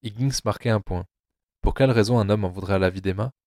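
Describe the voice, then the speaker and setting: A man narrating an audio drama adaptation of a novel in a low, steady storytelling voice. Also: quick pace, no echo, clean studio sound.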